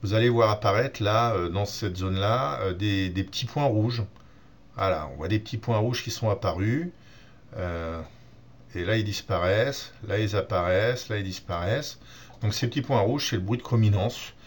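A man giving a relaxed software tutorial on photo editing, explaining step by step with many fillers and restarts. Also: fairly low pitch, normal speed, slight background noise. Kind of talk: screen-recorded software tutorial.

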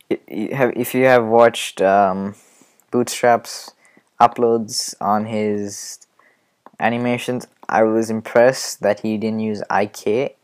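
A man giving a casual screen-recorded animation tutorial, rambling and hesitant, often muttering quiet asides to himself. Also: lowish voice.

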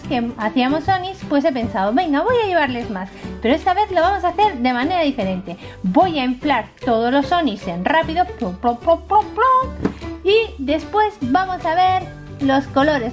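A woman with a Spain Spanish accent hosting children's toy videos in a playful, exclamatory, squeaky sing-song manner. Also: a little mellow. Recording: music behind the voice.

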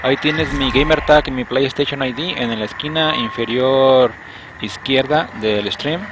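With music playing behind him and some background noise, a young man with a Mexican accent streams a game in an unhurried, medium-pitched voice. He jokes around, stays animated and casual, and chats directly with his viewers.

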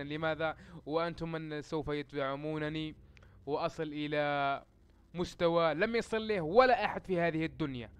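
Excitable young man narrating a zombie game. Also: on the high side, slight background noise. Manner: excitable, yelling in panic at zombies, joking asides; speaks formal Standard Arabic to reach all Arabs. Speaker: gaming YouTuber. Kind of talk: let's play commentary.

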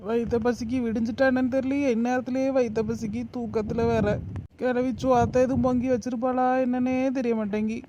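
A woman's voice: on the high side, flat delivery, a little fast, lo-fi sound, noisy background, lightly acted. A woman voicing a cheeky, lazy young wife, always hungry and talking back. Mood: muttering. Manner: cheeky, talks to herself, sweetly impudent. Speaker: lead character. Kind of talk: cartoon comedy voice acting.

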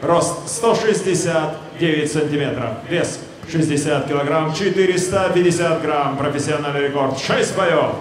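A man announcing as a boxing ring announcer, theatrical and booming, stretching out names. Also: moderate pace. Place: indoor boxing venue, at the ring. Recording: echoey PA in a noisy crowded hall.

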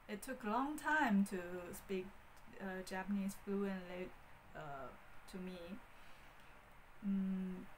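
A vlogger in her thirties from Beijing, speaking with a Mandarin Chinese accent, talks slowly to the camera, hesitating, restarting and filling pauses with ums. Her voice is medium-pitched, and she holds a wired handheld mic in a small room. The recording is rough, with faint hiss beneath her voice.

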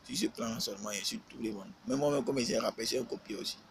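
A man's voice: mid-range voice, fast talker, a little hiss or hum, rough recording. A man, a rapper talking casually on a live stream, lecturing and scolding with lots of repetition.

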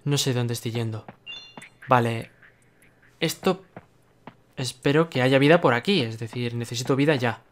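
A man's voice: medium pitch, normal speed, long pauses, slight background noise. A young man from Spain with a Spanish accent, commentating a horror game he is playing, impatient and swearing at the enemies. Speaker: gaming youtuber. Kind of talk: let's play commentary. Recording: loud game music behind.

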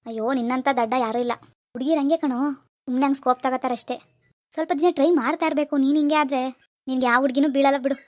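A woman's voice: high-pitched, steady tone, rapid-fire, lightly acted. Woman voicing a cocky know-it-all young man. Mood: pushy. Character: cocky young man giving love advice. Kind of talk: cartoon dialogue.

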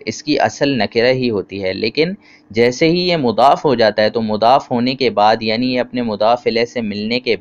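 A man teaching a grammar lecture, explaining patiently with simple examples and asking questions. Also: fairly low pitch. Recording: dull lo-fi sound.

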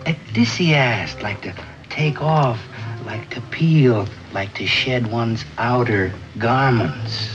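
A middle-aged American actor playing a self-important, laid-back beatnik club owner who jive-talks in rambling hipster slang in a 1950s TV drama. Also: male voice, medium pitch, slow pace, a bit bright. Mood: wry, enthusiastic. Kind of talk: 1950s television drama acting. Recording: dull vintage TV soundtrack, music behind.

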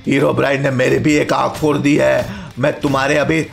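A man's voice: medium pitch, little pitch movement, normal speed, creaky, pitched below the performer's own voice. A man doing a menacing robot school principal. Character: menacing one-eyed robot male school principal, villain.

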